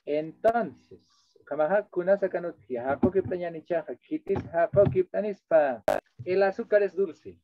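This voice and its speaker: Fairly high-voiced man teaching a class. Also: unhurried. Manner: explanatory, checks in with listeners often; switches between two languages while teaching. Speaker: translation course instructor. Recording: dull dry lo-fi audio.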